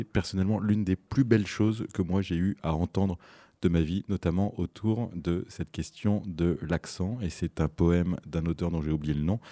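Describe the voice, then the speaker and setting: Deep-voiced male radio presenter. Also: dark tone, dry recording. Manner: enthusiastic, hesitant with fillers.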